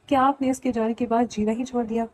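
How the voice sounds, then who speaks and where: A woman's voice: a little high, fairly even intonation, darkish tone, dry recording, lightly acted, rough recording. A woman reading the lines of a caring but stubborn young woman in an audiobook, earnest and coaxing. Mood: pleading.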